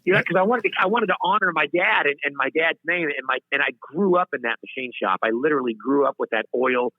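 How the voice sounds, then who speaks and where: Here a slightly high-voiced man talks fast with lively intonation, rambling on a tinny phone line with no room sound. He's a singer-songwriter guest in a storytelling interview who keeps interrupting himself and laughing at his own digressions.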